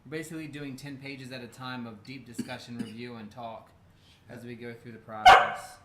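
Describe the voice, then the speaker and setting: A man's voice: medium pitch, fairly even intonation, normal speed, a bit bright. An American man co-hosting a casual livestream, rambling and bantering as he goes. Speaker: co-host. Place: indoor room. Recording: roomy echo, faint background noise.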